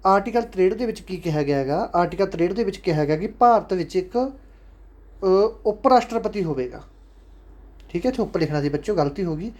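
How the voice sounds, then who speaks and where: A man's voice: high voice, expressive, fairly quick, a little mellow. A man with a Punjabi accent teaching an online exam-prep lesson, chatty and fatherly, repeating key points again and again. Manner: chatty and fatherly, calls students "sons". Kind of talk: casual online lecture.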